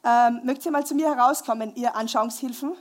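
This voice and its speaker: Woman preacher, high voice, lively live sermon with questions to the congregation. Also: fairly quick. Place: church hall, live before a congregation.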